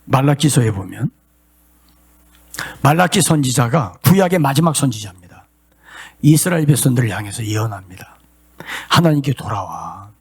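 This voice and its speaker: A middle-aged male pastor preaching a sermon, shifting from plain talk to impassioned shouts and sung cries. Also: mid-range voice, expressive, moderate pace, creaky, pauses often, breathy edge.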